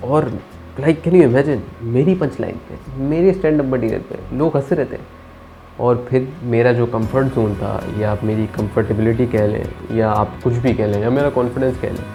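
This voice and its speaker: A man's voice: mid-range voice, dark tone. A young man vlogging about his first stand-up comedy, talking conversationally as a self-described introvert and slipping into English phrases. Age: young adult. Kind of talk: reflective storytelling.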